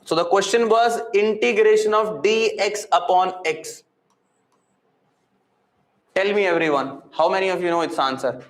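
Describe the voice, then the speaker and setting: A high-pitched man with an Indian accent teaches a live lesson in an echoey room. He repeats key points with emphasis and often puts questions to the class that he then answers himself. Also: measured pace, long pauses. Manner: repetitive, emphatic, asks and answers own questions. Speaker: physics and maths teacher. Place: indoor room with echo.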